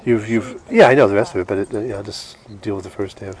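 Breathless, halting man giving a devotional talk. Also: on the low side, darkish tone. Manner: halting, with trailing restarts. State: short of breath. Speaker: religious teacher giving a class. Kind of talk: informal devotional lecture with questions.

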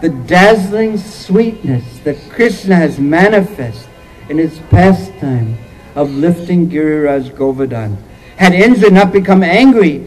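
A man's voice: high-pitched, darkish tone, rough recording. A man preaching a sermon, retelling a sacred story in an earnest way and repeating phrases as he goes.

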